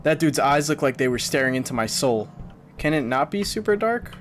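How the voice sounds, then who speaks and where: With a slightly high, sing-song voice and a fairly quick pace, this twenty-something streamer jokes dryly about the horror game he's playing and chats casually with his audience. Game music and a little background noise fill his small indoor room.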